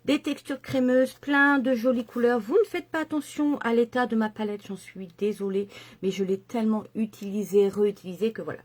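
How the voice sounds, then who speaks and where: A woman's voice: a little high, a little mellow. Chatty woman doing a makeup tutorial. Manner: chatty and enthusiastic, many fillers and asides. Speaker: makeup vlogger.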